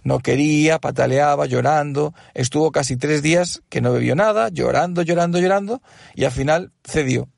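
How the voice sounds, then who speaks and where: Gravelly-voiced man, patient and chatty. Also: a little high, moderate pace, hardly any pauses, a little mellow, no room sound, studio quality. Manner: explains patiently with many fillers and asides. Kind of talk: casual testimonial.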